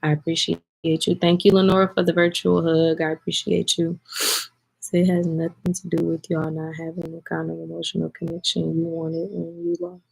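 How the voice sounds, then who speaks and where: A woman's voice: low-pitched, flat delivery, moderate pace, gravelly, husky, low-quality recording. A woman, talking heartfelt and teary-eyed to her viewers in a casual vlog chat. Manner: heartfelt, speaks directly to viewers as y'all. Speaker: vlogger answering viewer comments.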